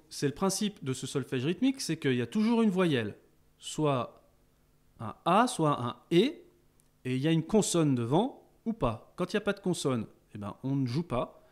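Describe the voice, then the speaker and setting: A man teaching a beginners' rhythm lesson, explaining calmly between chanted counting exercises. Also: on the high side, moderate pace. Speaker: music teacher.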